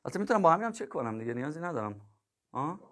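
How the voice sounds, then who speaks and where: A man with a slightly higher-than-usual voice, talking as a math teacher on a casual livestream. He chats loosely with his students, cracks jokes and laughs easily, and keeps calling them kids and dear ones. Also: big pitch swings, fairly bright tone. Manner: chatty, jokes and laughs with viewers.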